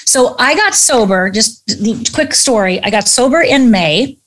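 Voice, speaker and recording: A middle-aged woman telling a personal story as an interview guest, animated and acting out the voices of people she quotes. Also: fairly high pitch, a little slow.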